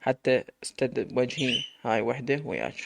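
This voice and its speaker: A man gives voice to a confident young army officer who answers in short, easy lines. The voice is gravelly and quick. Loud background noise runs under it. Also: mid-range voice, close to an everyday voice. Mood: curt. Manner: brief, self-assured.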